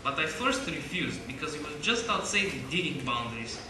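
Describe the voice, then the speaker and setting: A weary Russian archaeologist telling of his dig in a thick Russian accent, as a young man reads his own story. The voice sits a little high and earnest. It comes from a mic far off in a very echoey hall with clear noise behind. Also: big pitch swings, a little fast. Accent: put-on Russian. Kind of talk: reading a story aloud.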